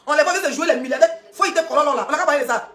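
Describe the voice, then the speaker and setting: In a heated rant on her live stream, a woman with a high, fairly bright voice ridicules her critics, laughing between rhetorical questions. She talks at a racing speed, and the echoey room makes her words bounce.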